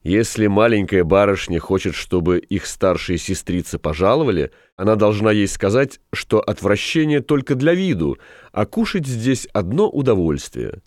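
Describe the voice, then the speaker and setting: A man's voice: fairly low pitch, big pitch swings, moderate pace, darkish tone, dry recording, studio quality. A man reading aloud, voicing a rueful male café owner who tells of his failed schemes in a plaintive, rambling way. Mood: ingratiating.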